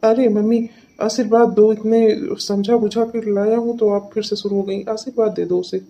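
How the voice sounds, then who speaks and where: A woman's voice: medium pitch, little pitch movement, normal speed, dark tone, dull audio, natural voice. A woman voicing a placating young husband. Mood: coaxing. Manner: coaxing, placating.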